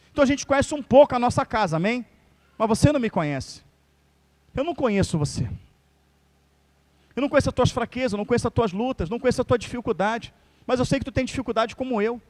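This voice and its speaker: Brazilian male pastor, very high voice, fervent direct sermon delivery in a church service. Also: lively intonation, quick pace, darkish tone. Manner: fervent, direct preaching addressed to the congregation.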